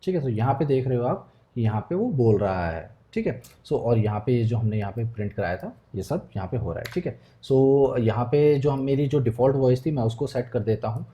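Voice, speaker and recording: A man's voice: mid-range voice, lively intonation, a little fast, hardly any pauses, warm tone. A man teaching a coding tutorial, explaining step by step and checking in with viewers often. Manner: patient step-by-step explaining, frequent check-ins. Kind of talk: screen-recorded coding tutorial.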